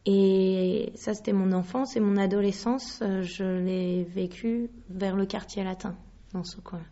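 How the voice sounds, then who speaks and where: A young woman from Paris, a singer answering interview questions, often pausing and searching for her words. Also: medium pitch, steady tone, dark tone, dull audio. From Paris, France. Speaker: singer guest. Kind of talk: radio interview.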